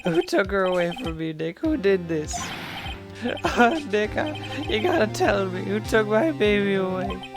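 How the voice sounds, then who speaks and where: A man's voice: high voice, big pitch swings, unhurried, music in the background, voice pushed up, exaggerated voice. A man voicing a heartbroken, melodramatic young man with a whiny, pleading delivery, reading game dialogue aloud while playing. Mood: despairing.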